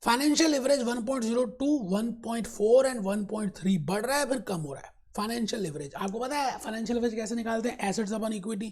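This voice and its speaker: A man's voice: extremely high pitch, a little mellow. A man teaching a finance lecture, coaxing his students along and mixing in English terms. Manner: slows down for English definitions. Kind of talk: classroom lecture.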